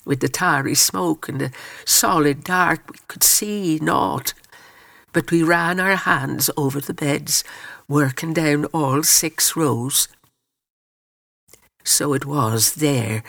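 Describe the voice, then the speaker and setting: A man narrates a story aloud in a solemn, measured way. His voice is a little higher than most men's, and it is slow with a gravelly rasp. The recording is dry and close. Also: a bit bright, no room sound.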